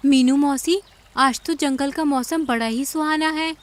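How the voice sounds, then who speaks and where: A woman's voice: sits high, a little slow. A woman voicing a small, sweet female sparrow in a children's cartoon. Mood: chirpy.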